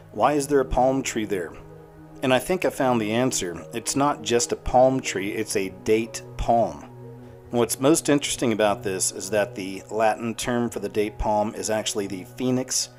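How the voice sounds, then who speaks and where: A man's voice: lowish voice, darkish tone. Male narrator over background music. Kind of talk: scripted commentary narration. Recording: music under the voice.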